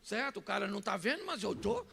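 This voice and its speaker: A man with a Brazilian Portuguese accent preaching a sermon, telling stories and breaking into shouts. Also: high voice, sing-song, fast talker, creaky, husky, in a large hall. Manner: storytelling preacher who bursts into shouts. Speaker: pastor.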